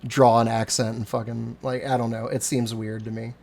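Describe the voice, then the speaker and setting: Gravelly, profane man in his forties. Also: mid-range voice, flat delivery, normal speed, a little mellow, slight background noise. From Cincinnati area, USA. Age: 40s. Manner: rambling, profane, self-deprecating. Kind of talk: casual chat.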